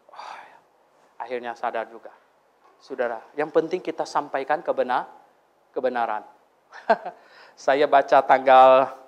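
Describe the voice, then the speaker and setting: A man preaching a Sunday sermon to a congregation, telling stories and questioning his listeners in an animated way. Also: mid-range voice. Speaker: pastor. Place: church before a congregation.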